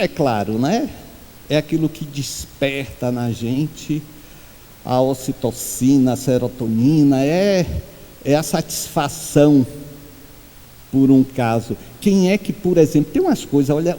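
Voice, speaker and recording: A man giving a spiritual talk to a congregation, telling humorous anecdotes and acting out the quoted voices in a high pitch. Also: dark tone, in a large hall. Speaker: spiritual speaker. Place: meeting hall.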